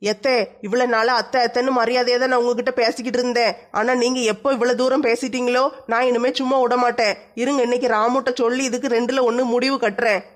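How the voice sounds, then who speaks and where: Woman as a high-voiced, cheeky daughter-in-law, comedy sketch. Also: steady tone, fast, lightly acted. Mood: defiant. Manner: cheeky, pleading, teasing.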